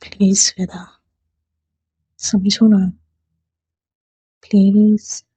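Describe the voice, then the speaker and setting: A woman voicing a gentle, shy young woman in love, speaking softly and pleading, in a storybook reading. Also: medium pitch, level tone, very slow, husky, dry recording, exaggerated voice, low-quality recording. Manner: soft, pleading. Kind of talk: storybook dialogue read aloud.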